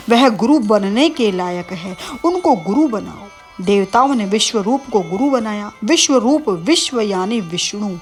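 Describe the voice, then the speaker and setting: A woman tells a sacred story in a measured narrating voice, set a little high. She pauses now and then to explain the old words. Gentle music plays beneath her. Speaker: storyteller of scripture.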